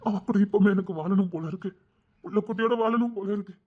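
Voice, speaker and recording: A man plays a gang king in an audio story, pleading softly with a high Tirunelveli Tamil voice. He longs for a quiet family life and speaks with tender feeling. The recording is dull and lo-fi. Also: steady tone, fast. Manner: soft, pleading, heartfelt.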